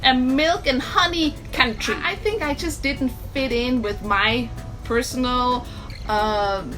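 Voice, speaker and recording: A woman's voice: sits high, takes it slowly, music in the background. A middle-aged woman from Switzerland with a Swiss accent, chatting to viewers as she tells stories about her life. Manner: outgoing, chatty, addresses viewers as guys. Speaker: vlogger. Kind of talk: personal storytelling to camera.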